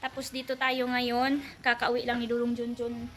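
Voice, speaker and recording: A young woman vlogging at home, talking straight to her viewers as friends. Her voice sits a little high, and she rambles on with plenty of fillers. Clear background noise runs under the whole recording. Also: monotone, moderate pace. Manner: chatty, addresses viewers as friends, many fillers. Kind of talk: casual family vlog.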